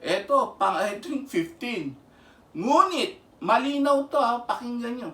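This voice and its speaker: A man's voice: very high-pitched, expressive, unhurried, bright, forceful tone. A man preaching earnestly, urging his listeners again and again to listen closely as he teaches from the Bible. His voice sounds distant from the mic and echoes through a roomy space. He slips English phrases in between his Filipino. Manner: earnest, pleading, repeats "pakinggan nyo". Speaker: lay minister and preacher. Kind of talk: preaching a Bible lesson to camera.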